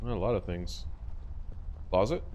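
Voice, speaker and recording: A man's voice: low-pitched, lively intonation, measured pace, darkish tone, a little hiss or hum. Casual man doing offhand game commentary. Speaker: gaming video host. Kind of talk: casual let's-play commentary.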